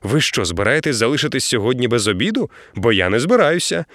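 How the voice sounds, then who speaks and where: A man voicing a boisterous, greedy old sea captain who booms out hearty commands in an audiobook. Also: sing-song, fast talker, fairly bright tone, no echo, studio quality. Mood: gleeful. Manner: booming, hearty, bellowing commands.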